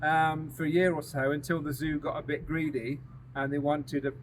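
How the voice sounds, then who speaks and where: A man's voice: a little high, flat delivery, normal speed. A man guiding a ghost walk, telling anecdotes casually and hesitantly to a small group outdoors. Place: outdoors on a walking tour near a road. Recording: noisy outdoor recording with passing vehicles.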